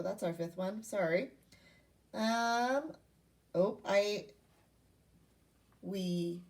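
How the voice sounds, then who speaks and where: A primary school teacher gives an interactive read-aloud lesson to young children, asking questions and repeating key points as she instructs. Her lowish, slightly mellow voice is recorded from a distance.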